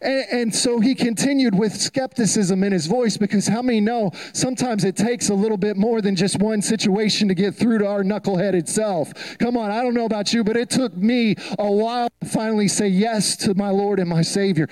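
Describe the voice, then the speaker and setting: A male pastor with a notably high voice delivers a sermon. He tells a story and repeats key phrases for emphasis. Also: fairly quick, hardly any pauses, darkish tone, poor audio. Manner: storytelling preacher, emphatic repetition.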